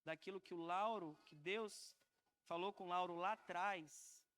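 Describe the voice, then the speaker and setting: A man's voice: sits high, unhurried, a bit bright, clean tone. Earnest Brazilian man preaching. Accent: Brazilian Portuguese. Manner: earnest, emotional, addresses listeners as brothers and sisters. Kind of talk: sermon testimony.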